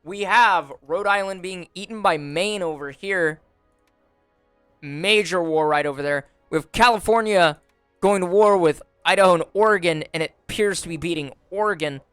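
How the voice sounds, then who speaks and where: Young man, gameplay commentator; bright, smooth voice, dry close mic, faint music underneath, wry and unhurried. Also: sits high, no echo. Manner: relaxed, wry commentary with frequent fillers. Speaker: gaming YouTuber. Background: faint background music.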